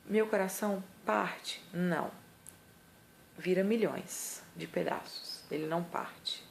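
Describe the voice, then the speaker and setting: A woman's voice: lowish voice, takes it slowly, vocal fry, slight background noise. A woman with a Brazilian accent, a mother giving parenting advice in a casual vlog, earnest and emphatic. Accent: Brazilian Portuguese. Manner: earnest, emphatic, acts out scolding lines.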